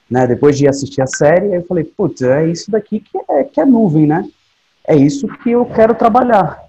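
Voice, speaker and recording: A man's voice: medium pitch, dark tone. A man in his late twenties with a Brazilian Portuguese accent, chatting casually as an interview guest, peppering his talk with slang and tag questions. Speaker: podcast guest, DevOps specialist. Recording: dull lo-fi sound, faint noise.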